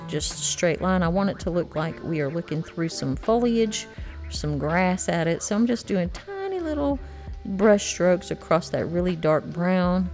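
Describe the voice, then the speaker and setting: Middle-aged Southern woman, folksy art teacher, low-pitched and chatty, faint music bed. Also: a little mellow. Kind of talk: painting tutorial voice-over.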